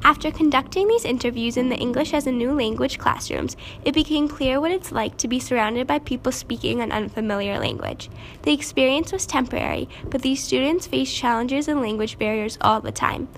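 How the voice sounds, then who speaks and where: Teen girl reporter, high voice, vocal fry, scripted narration. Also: a little fast, slight background noise. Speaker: student reporter.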